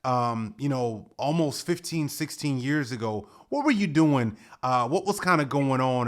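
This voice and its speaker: Podcast host, man in his forties, mid-pitched, asks rambling questions and keeps restarting. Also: fairly bright tone. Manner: rambling, self-correcting questions. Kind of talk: conversational interview.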